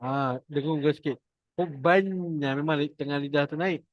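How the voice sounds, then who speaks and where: A man with a Malaysian Malay accent teaching Quran recitation online, demonstrating sounds slowly and repeating them for students. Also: a little high, flat delivery, no room sound, dull audio. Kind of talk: online class instruction.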